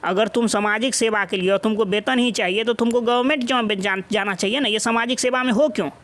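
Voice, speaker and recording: A man, a coaching channel teacher speaking straight to exam candidates, scolding and urging them with drawn-out emphatic phrases. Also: high voice, a bit bright. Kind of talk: direct-to-camera address to exam candidates.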